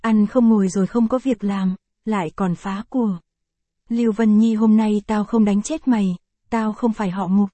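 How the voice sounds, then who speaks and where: A woman's voice: mid-range voice, fairly even intonation, normal speed, mellow, no echo, close to an everyday voice. A woman voicing a cruel, brutal old patriarch in a read-aloud story, talking in a harsh, scornful and threatening way.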